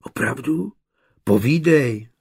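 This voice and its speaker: A man voicing a shy, cautious little boy in an audiobook, speaking earnestly and in a slightly husky voice. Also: medium pitch, sing-song, a little mellow.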